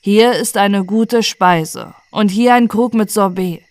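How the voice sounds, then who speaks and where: A woman's voice: mid-range voice, slow, no echo, close to an everyday voice. A woman voicing a loyal old male servant who talks in an earnest, scolding way.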